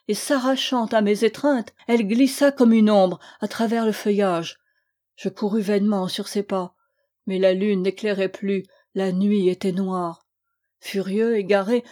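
A woman reading a classic novel aloud in an expressive, theatrical manner, slowing down for emphatic passages. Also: medium pitch. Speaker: audiobook reader. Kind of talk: dramatic reading of a 19th-century novel.

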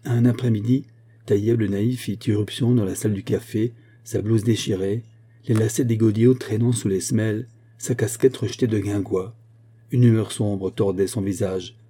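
A man reading a literary story aloud as narrator, in a measured, even manner. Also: on the low side, breathy edge. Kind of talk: audiobook narration.

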